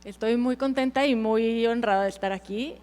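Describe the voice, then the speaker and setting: A woman's voice: on the high side, moderate pace, darkish tone. A woman with a Mexican accent moderating a panel as a travel journalist, welcoming. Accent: Mexican Spanish.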